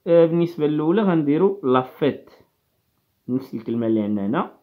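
A man with a Moroccan Arabic accent teaching a lesson, patiently sounding words out syllable by syllable. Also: on the high side. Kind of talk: classroom lesson explanation. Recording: tinny phone-like sound.

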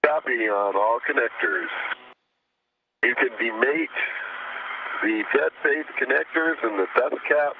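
A man coordinating a spacewalk over a crackly space radio link, giving calm procedural instructions and acknowledgments. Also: medium pitch, measured pace, long pauses. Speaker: crew coordinator. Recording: narrow noisy radio transmission.

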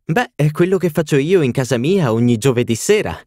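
A man's voice: expressive, moderate pace, dry recording, studio quality, lightly acted. A man voicing a witty, playful society hostess with a raised, teasing voice. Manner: bright, teasing, raised pitch. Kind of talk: audiobook reading.

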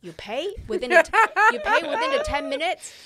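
Very high-pitched, very animated and brisk, this middle-aged woman speaks over a noisy crowd. She is a fashion director guesting on a podcast, sharing casual interview stories bluntly, swearing freely and acting out dialogue, using an arm-mounted studio mic and headphones in a small podcast studio.

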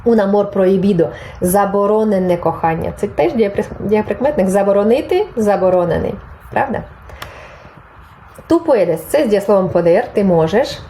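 A woman's voice: mid-range voice, animated, normal speed, warm tone, slight background noise, low-quality recording. A woman teaching a Spanish grammar lesson, patiently explaining and reading example phrases aloud, then translating them. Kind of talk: online language lesson.

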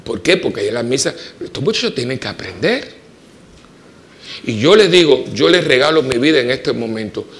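Puerto Rican priest giving animated homily. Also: male voice, medium pitch, brisk. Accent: Puerto Rican Spanish. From Puerto Rico. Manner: animated storytelling, rising to emphatic peaks and dropping to soft asides. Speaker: parish priest. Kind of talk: homily with personal stories. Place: church.

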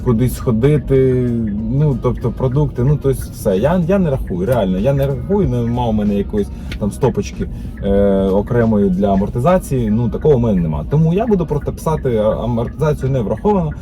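A man's voice: mid-range voice, expressive, a little fast. A man talks casually from behind the wheel of his car, rambling through his thoughts with plenty of hesitations and restarts. He is recorded on a phone mounted inside the car, with music playing under his voice. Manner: rambling, thinking aloud with many filler sounds and restarts. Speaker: taxi driver vlogger. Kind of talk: casual chat while driving. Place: inside a car while driving. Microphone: phone camera mounted in the car. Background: background music and car noise.

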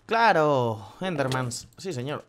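A man's voice: mid-range voice, big pitch swings, slow, a bit bright. A man with a Spain Spanish accent giving casual gameplay commentary. He swears often and breaks into sudden yelps. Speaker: gaming youtuber.

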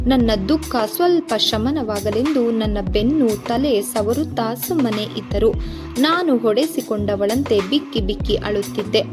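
Woman reading a story out loud over music, fairly high voice, lively with the dialogue. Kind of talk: reading a novel aloud in first person. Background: background music.

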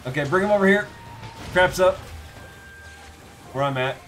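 Brief: male co-streamer, slightly high voice, playful banter, faint game music. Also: normal speed, fairly bright tone. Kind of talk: casual gaming chat.

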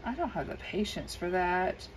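Sitting indoors at her desk, a coloring video creator chats casually and unhurriedly while she colors, filling her talk with ums. Her scratchy voice is fairly low, with big swings in pitch and a normal speed. An overhead camera above the desk captures the sound.

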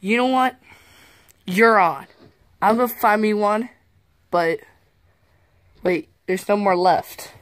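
A cocky young hedgehog who meets every silly idea with sarcasm, voiced by a woman. The delivery is slow and unhurried. The sound is dry and close, with no room around it. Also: medium pitch, dry recording, lightly acted. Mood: eager. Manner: sarcastic, exasperated. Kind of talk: amateur parody voice acting.

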